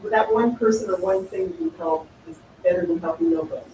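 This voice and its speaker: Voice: mid-range voice, fast talker, warm tone. A participant in a talk show chat, speaking in a plain, matter-of-fact way. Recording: echoey, distant, noisy.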